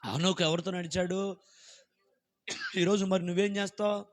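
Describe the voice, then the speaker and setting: A man pastor preaching a sermon in church, swinging from shouted, fervent peaks down to quiet, hushed lows. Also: fairly even intonation, moderate pace.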